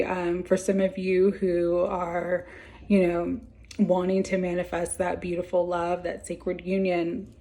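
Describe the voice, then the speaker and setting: A woman with a lowish voice gives a weekly tarot card reading, speaking gently and meandering with lots of fillers. She is losing her voice as she talks.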